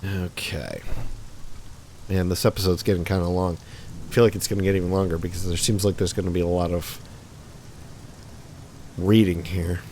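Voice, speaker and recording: A man's voice: sits low, flat delivery, normal speed, pauses often, a little mellow, a little hiss or hum. A man hosting a let's play, casually reading game text aloud with chatty asides and small slips.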